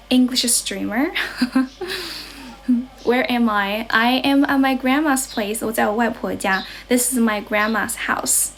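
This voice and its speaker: Higher-voiced Chinese woman teaching English. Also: a little hiss or hum. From China. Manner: repeats and rephrases herself, translating between English and Chinese. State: feeling a little unwell and low on energy. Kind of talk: casual livestream chat. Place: indoors at her grandmother's house.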